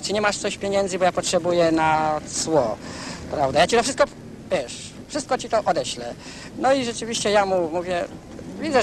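In a 1970s newsreel recording, a man speaks as an interviewee in a high-pitched voice over a noisy background. His account rambles, he keeps saying "prawda," and he often restarts his sentences.

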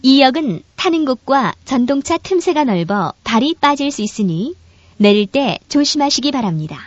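A woman's voice gives a train announcement over an onboard speaker, formal and evenly measured. Her pitch sits a little high and moves in a lively, sing-song way. The sound is dry and somewhat muffled, like an old lo-fi recording. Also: no room sound. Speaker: subway announcer.

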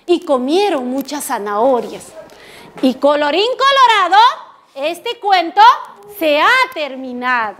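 A woman teacher telling a story to children and asking them questions in an animated, sing-song way in a rural school classroom. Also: high-pitched, takes it slowly.

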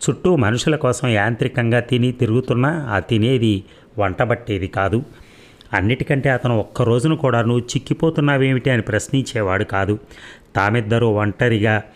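A man narrating a story aloud in a measured, reflective way, lingering on key phrases. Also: mid-range voice. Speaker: audiobook narrator.

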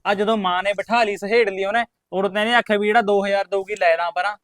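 An actor playing a scheming young man in a Punjabi village drama, hiding a secret marriage and urging others to keep quiet. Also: high voice, fairly even intonation, fast. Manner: pleading, hushing, urgent. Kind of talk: rural village drama acting.

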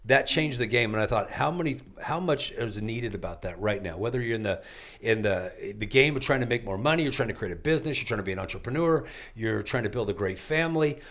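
A man talking as an author and life coach guest, with an energetic, preacher-like delivery and punchy repeated phrases. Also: mid-range voice, fast. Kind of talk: motivational interview talk.

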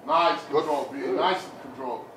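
A man's voice: fairly high pitch, unhurried, a bit bright. A man chatting casually and encouraging others as a training partner, recorded from some distance in a gym. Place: indoor gym. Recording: roomy, distant, noisy gym audio. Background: gym noise.

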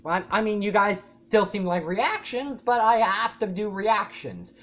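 A woman YouTuber giving casual reaction commentary, rambling and swearing often, with loud startled outbursts. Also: mid-range voice, expressive, a little slow, highs cut off. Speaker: YouTuber reacting to a fan animation.

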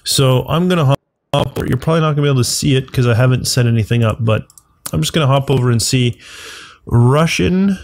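A man's voice: medium pitch, a little fast, no room sound. A man with a stuffed-up, congested voice talks casually through a video game at his computer, rambling and correcting himself as he goes. His voice sits in a middle range. The sound is dry and close, with no room around it. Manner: rambling, self-correcting, thinking aloud. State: congested from the flu. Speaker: gaming channel host. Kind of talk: casual gameplay commentary.

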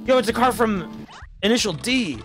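Animated young man, high-pitched, streaming. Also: normal speed. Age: young adult. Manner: animated, sweary, joking. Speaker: game streamer. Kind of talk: casual gameplay commentary. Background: game music.

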